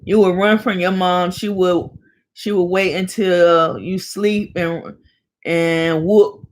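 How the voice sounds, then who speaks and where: A woman hosting her own vlog, telling a personal story from childhood in a lively, colloquial way. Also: lowish voice, slow pace. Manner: lively, colloquial, acts out family members in quotes. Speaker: vlog host.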